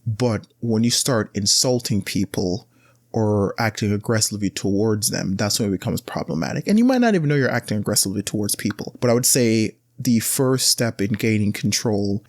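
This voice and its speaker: On his casual solo podcast, a host with a fairly low voice rambles through blunt advice, restarting often and using filler words. He gets higher and louder to stress points, and the recording is dry with no room sound.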